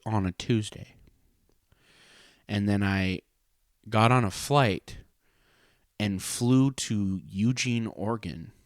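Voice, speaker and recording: Casual male podcast storyteller, low-pitched and foul-mouthed, prone to comic exaggeration, very dry close sound. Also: no room sound. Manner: profane, exaggerating. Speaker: podcast host and pro wrestler.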